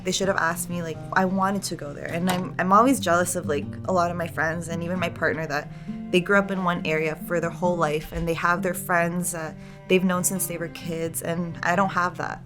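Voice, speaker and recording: Guitar music plays as a documentary interviewee, a young woman raised between Ecuador and Canada, talks casually and peppers her speech with "like" and "uh". Her pitch is fairly low, her tone steady, and she talks a little fast.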